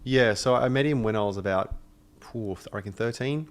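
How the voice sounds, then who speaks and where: An Australian man in his thirties, a podcast guest chatting casually, relaxed and jokey. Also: medium pitch, a little fast. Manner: relaxed, jokey, laughs often.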